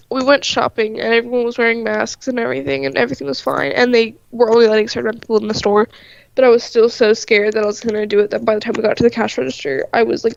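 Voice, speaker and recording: A woman's voice: a little high, vocal fry. A woman chatting on a livestream with a stuffy nose and a nasal sound, laughing often and saying "like" a lot. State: stuffy-nosed, congested. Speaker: artist on a livestream. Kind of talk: casual chat. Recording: dry, dull lo-fi stream audio.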